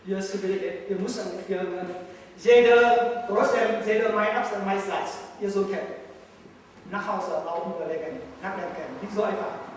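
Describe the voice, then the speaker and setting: A meditation master with a Vietnamese accent gives a playful lecture in halting German and teases his students. His voice sits high for a man. He is picked up from far off in a big echoey hall with a faint hiss behind him. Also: steady tone. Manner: halting broken German, playful, laughs often. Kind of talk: spiritual lecture. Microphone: distant room mic.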